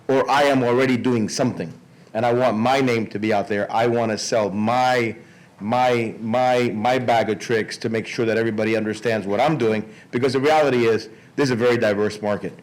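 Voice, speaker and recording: Speaking informally at a conference, a Miami man in his sixties keeps repeating words and starting over as he goes. His pitch is medium, and the audio is poor.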